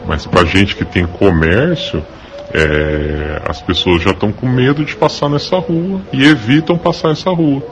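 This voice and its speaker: Man, voice changer effect, hesitant, slow, low. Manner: hesitant, many filler sounds. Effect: voice altered by a voice changer. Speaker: shop owner. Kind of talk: street interview.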